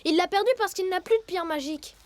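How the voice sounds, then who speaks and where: A woman's voice: extremely high pitch, quick pace. A woman voicing a bold, eager young animal cub in a children's cartoon, with a direct, feisty manner. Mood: sympathetic. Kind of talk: French children's cartoon voice acting. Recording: music under the voice.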